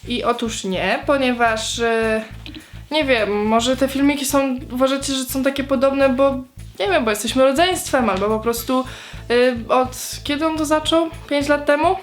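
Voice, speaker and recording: A woman's voice: sits high, normal speed, soft background music. A young woman answering viewer questions in a casual vlog, chatty and hesitant, with many fillers and restarts.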